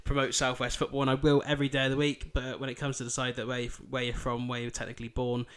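A man's voice: medium pitch, completely flat delivery, rapid-fire, a bit bright, clean tone. A man with a thick Yorkshire accent hosting a football podcast, previewing fixtures in an informal, chatty way. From Bridlington, East Yorkshire, England. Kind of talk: podcast fixture preview, part scripted, part casual chat.

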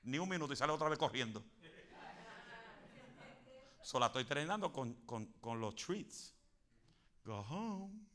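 A man preaching a fervent Pentecostal sermon, building to shouts and dropping in English phrases. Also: medium pitch, expressive, normal speed, pauses often.

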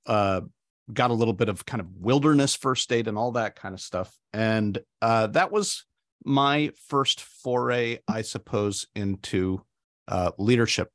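A man's voice: lowish voice, unhurried, no room sound, clean studio sound. A guest in his forties speaking in a casual interview, hesitant and full of fillers. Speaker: podcast guest.

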